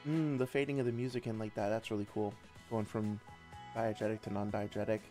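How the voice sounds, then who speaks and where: A man's voice: fairly low pitch, flat delivery, fairly quick, dark tone, soft background music. A man casually commentating on a game he plays live, with thoughtful, analytical asides like a developer. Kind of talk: casual livestream gameplay commentary. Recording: clear background noise.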